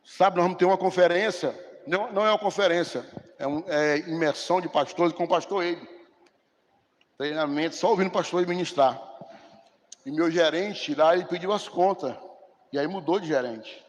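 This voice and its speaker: Man, pastor, high voice, animated conversational sermon, long church reverb. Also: moderate pace. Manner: animated, conversational preaching with acted-out dialogues. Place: church hall.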